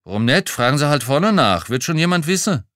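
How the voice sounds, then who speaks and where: A man's voice: a little high, very animated, a little fast, a bit bright, no echo, clean studio sound, pitched above the performer's own voice. Man putting on a sullen fat office boss. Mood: grumbling offhand. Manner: grumbling, offhand.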